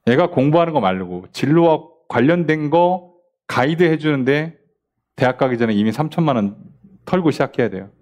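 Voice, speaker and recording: This male pastor has a fairly high, slightly mellow voice with lively intonation at a normal pace. Teaching a midweek Bible study conversationally, he fires off rhetorical questions and plays out little bits of quoted dialogue.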